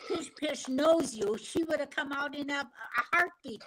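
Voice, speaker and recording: A woman in a casual chat, chatty and quick to laugh. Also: high-pitched, a crowd in the background, low-quality recording.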